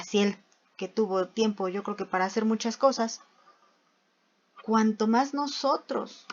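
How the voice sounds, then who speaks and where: Predicadora que da un estudio bíblico, preguntas retóricas, voz alta, sonido opaco. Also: female voice, a little high. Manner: asks rhetorical questions, reads scripture aloud. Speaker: preacher. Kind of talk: bible teaching. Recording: dull lo-fi recording.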